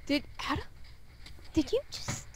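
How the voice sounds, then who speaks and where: A woman's voice: high-pitched, lively intonation, takes it slowly, a little hiss or hum. A woman teasing and coaxing a friend during a game, often giggling. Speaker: friend in a gaming session. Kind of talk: casual gameplay chat.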